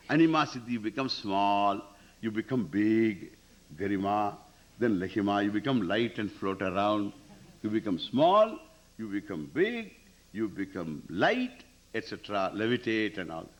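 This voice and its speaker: Male scripture teacher, Indian accent. Emphatic, highly animated delivery that repeats key phrases and questions the listeners. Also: muffled recording. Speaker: spiritual teacher. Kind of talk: Vedanta scripture discourse with Sanskrit recitation.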